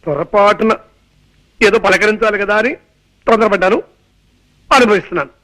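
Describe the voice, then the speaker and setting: A harried young suitor talks in a very high, bright voice. He is wry and exasperated, and he raises his voice to be heard. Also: moderate pace, low-quality recording. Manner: wry, exasperated, loud when explaining. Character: harried young suitor shouting at a deaf in-law. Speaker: suitor in a film comedy.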